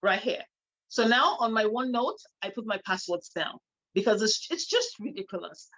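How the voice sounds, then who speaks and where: A woman's voice: a little high, very animated, normal speed, a bit bright. Middle-aged woman, chatty storyteller, laughs often, dull lo-fi recording. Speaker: co-host. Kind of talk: casual chat.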